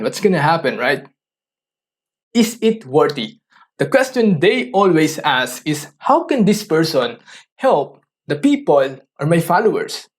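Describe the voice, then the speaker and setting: Speaking alone on his motivational podcast, the host, a man whose first language is Tagalog, has a fairly high pitch. He sounds earnest and coaching, asking his listeners rhetorical questions, and frequently halts to restart what he's saying.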